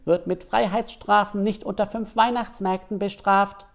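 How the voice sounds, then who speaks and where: A man doing a high, scheming Easter bunny. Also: steady tone, moderate pace, creaky. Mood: gleeful. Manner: gleeful, plotting. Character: scheming male Easter bunny, conspiratorial, excitable.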